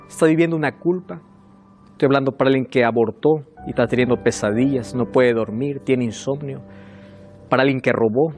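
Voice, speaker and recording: A preacher delivers an emotional sermon, the voice rising and falling widely as it retells stories. Rhetorical questions go out to the congregation, and key phrases are repeated for emphasis. Soft music plays faintly in the background. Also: medium pitch.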